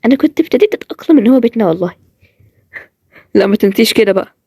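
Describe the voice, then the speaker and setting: Fast-talking Egyptian woman voicing characters. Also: a little high, lively intonation, dark tone, breathy edge, no echo, studio quality. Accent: Egyptian Arabic. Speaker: creator voicing a cartoon role-play series. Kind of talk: voice acting for a cartoon role-play video.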